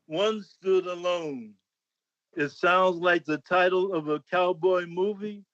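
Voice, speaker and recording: A man giving a public comment over a bad video call connection, reading a prepared statement slowly and deliberately. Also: sits high. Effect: bad connection, audio breaking up. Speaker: public commenter, senior advocate. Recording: muffled, breaking-up video call audio.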